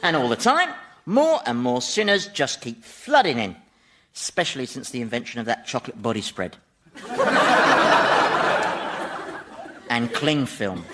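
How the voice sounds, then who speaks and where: An actor playing Satan as a harassed, sardonic manager of Hell in a satirical radio comedy, chatty and dismissive. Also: male voice, mid-range voice, sing-song, unhurried, long pauses, bright, forceful tone. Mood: harassed, grumbling.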